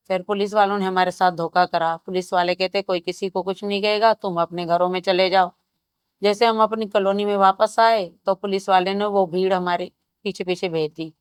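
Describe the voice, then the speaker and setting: A woman in her fifties gives a grave, steady personal testimony in an interview, telling it in short phrases. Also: medium pitch, clear, resonant tone, no room sound. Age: 50s. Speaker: survivor interviewee.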